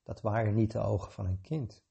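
A man reading a short story aloud in a calm, measured way, with a gravelly, husky voice. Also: lowish voice, muffled recording.

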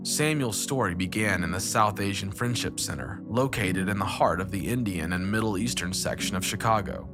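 A man narrating a scripted devotional story in a measured storytelling manner, recorded as a studio voice-over. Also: low-pitched. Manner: measured storytelling with lively intonation. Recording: narration over clear background music.

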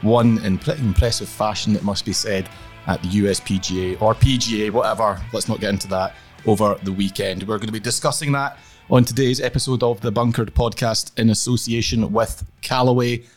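A man's voice: on the low side, fairly even intonation, brisk, faint music behind. A Scottish man hosting a podcast in a conversational way, recorded in a small, echoey room. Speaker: podcast host. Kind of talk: podcast introduction and chat.

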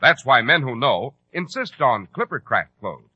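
An American man working as a 1940s radio announcer, delivering a polished, emphatic sales pitch. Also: very animated, moderate pace, slightly rough, no echo. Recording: dull, lo-fi old radio recording.

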